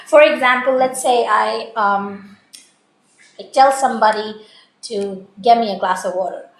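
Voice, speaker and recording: A woman talks through an exam preparation lesson in a steady, explanatory way, pausing now and then with small fillers. Her voice sits a little high. The room around her is noticeably echoey. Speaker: exam prep teacher. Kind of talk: recorded lesson.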